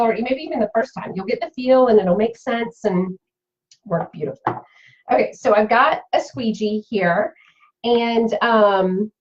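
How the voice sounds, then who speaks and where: A woman's voice: a little high, darkish tone, highs cut off. A woman leading a live-streamed craft tutorial, chatty and full of fillers, answering viewers' comments as she works. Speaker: craft demonstrator and seller.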